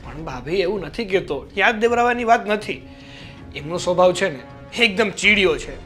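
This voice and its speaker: An actor playing an earnest young brother-in-law who tries to persuade his sister-in-law and gets loud. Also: sits high, lively intonation, moderate pace, faint music behind. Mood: persuading.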